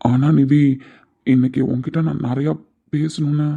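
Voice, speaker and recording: A woman voicing a shy, hesitant young husband in a low, gravelly voice. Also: little pitch movement, moderate pace, dark tone, dull audio, heavily acted. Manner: hesitant, trailing off.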